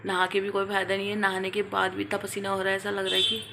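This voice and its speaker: A young woman chats unhurriedly to her viewers as if they were friends, filming a casual vlog at home. Her voice has a gravelly edge. Clear household noise sits behind her throughout. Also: mid-range voice, monotone, fast talker, sharp tone. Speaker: family vlogger, mother. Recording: noisy home ambience in background.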